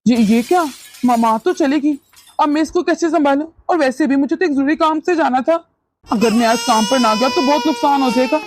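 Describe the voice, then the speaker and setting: A woman's voice: high-pitched, a little fast, close to an everyday voice. A woman voicing a stern young husband and son in a cartoon who questions and scolds. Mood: worried.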